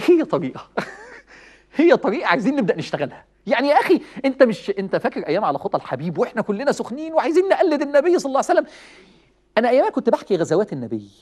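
A man with an Egyptian Arabic accent giving a lively religious talk, telling stories, chuckling and acting out quoted lines. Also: very high-pitched, rapid-fire. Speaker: preacher.

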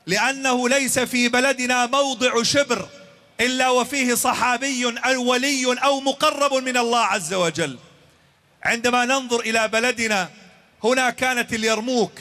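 A man preaches with fervent force, his voice very high and bright. He often climbs to shouts. A long reverb hangs after each phrase. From Jordan. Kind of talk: impassioned speech to youth.

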